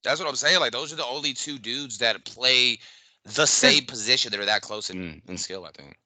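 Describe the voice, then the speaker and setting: A man's voice: mid-range voice, normal speed, pushed and bright, no echo. A man co-hosting a podcast, talking sports in a loose, profane way that trails off and restarts. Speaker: podcast co-host. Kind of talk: casual sports chat.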